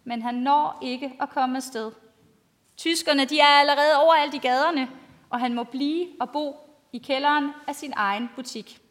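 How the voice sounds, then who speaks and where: A woman pastor giving a storytelling sermon to a congregation in simple, plainly spoken language. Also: high voice. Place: large reverberant church, speaking to a congregation. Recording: long church-like hall reverb.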